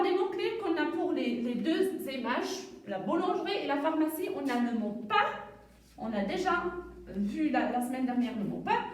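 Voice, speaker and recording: High, lively woman teacher in an echoey room. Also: distant mic. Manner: slow, clear, syllable-by-syllable explanation. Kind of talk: beginner reading lesson.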